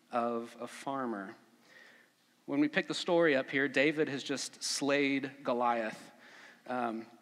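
A man preaching a conversational sermon as pastor at a pulpit microphone, relaxed, with frequent fillers. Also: medium pitch. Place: church sanctuary. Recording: long church reverb.

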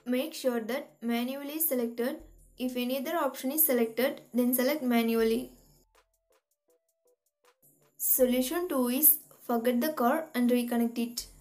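A woman hosting a tutorial, reading step-by-step instructions in an even, methodical way. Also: a little high, a little slow, soft background music. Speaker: tutorial host. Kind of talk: scripted step-by-step tech tutorial.

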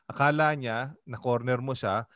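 A man's voice: medium pitch, steady tone, normal speed, fairly bright tone, no room sound. A Filipino man, a pastor, leading a Bible study in a conversational way and often asking the group questions. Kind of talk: Bible study teaching in mixed Tagalog and English.

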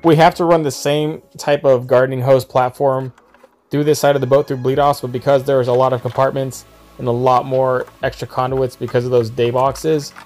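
A man with an ordinary mid-range voice narrates a do-it-yourself boat build in a relaxed, practical way. He talks through each step as he works. Faint music runs quietly underneath. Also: mid-range voice, moderate pace. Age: adult, father of a son. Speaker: boat-building channel host. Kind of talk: casual how-to narration while working. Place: outdoor driveway workshop beside a boat.

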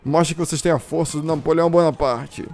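Excitable Brazilian gamer with a gravelly voice. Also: male voice, on the high side, fairly quick. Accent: Brazilian Portuguese. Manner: excitable, bursts into shouts and chatters to the viewers. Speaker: gameplay streamer. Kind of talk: excited gameplay commentary. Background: faint classical music from the game.

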